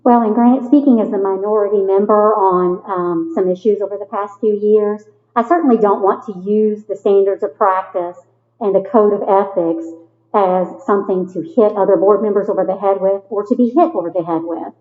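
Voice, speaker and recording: A woman's voice: mid-range voice, fairly even intonation, normal speed. A woman with a Kentucky accent, a school board member, speaking earnestly with frequent fillers in a meeting. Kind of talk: formal meeting discussion. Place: meeting room. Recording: echoey hall over a thin phone-like line.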